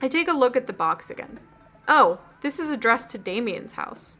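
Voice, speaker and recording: A woman's voice: on the high side, expressive, moderate pace, pushed and bright. A woman hosting a video game playthrough, reading dialogue aloud expressively with playful asides and commentary. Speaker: video game let's-play host.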